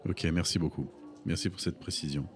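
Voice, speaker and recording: Deep-voiced host with music behind. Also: male voice, fairly even intonation, brisk. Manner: brief affirming reactions, wraps up segments. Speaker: podcast host. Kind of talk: casual podcast chat.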